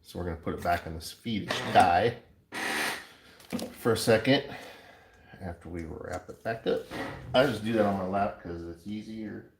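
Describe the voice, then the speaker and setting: A man casually narrating his coin ring making as he works, chatty and relaxed, with playful sound words. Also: fairly low pitch, moderate pace, long pauses. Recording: echoey room with clear background noise.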